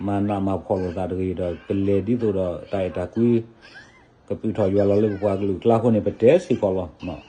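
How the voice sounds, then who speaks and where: Dark-voiced man in casual talk. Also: lowish voice, slight background noise. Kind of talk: casual spoken commentary.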